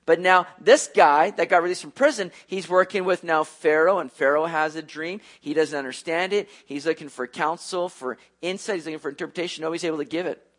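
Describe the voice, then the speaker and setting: A man preaching a sermon, retelling a story with lively asides to his listeners. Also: fairly high pitch, a little fast, hardly any pauses.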